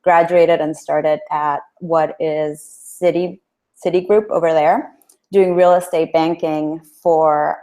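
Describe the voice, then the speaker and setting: A woman's voice: low voice, fairly even intonation, slow, dark tone. A woman from El Salvador, a guest in an interview, answering in a friendly, chatty way. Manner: friendly, chatty, with small laughs.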